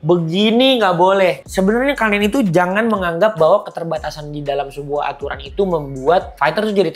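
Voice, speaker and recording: A man in his twenties from Indonesia, a fight promoter giving casual, animated vlog commentary as he reacts to viewer comments. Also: a little high. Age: 20s. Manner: animated, gestures while explaining.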